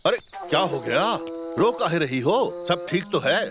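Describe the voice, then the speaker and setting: An actor playing a calm elder village son who reassures his worried mother. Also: on the high side, measured pace, over music. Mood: reassuring. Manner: steady, reassuring.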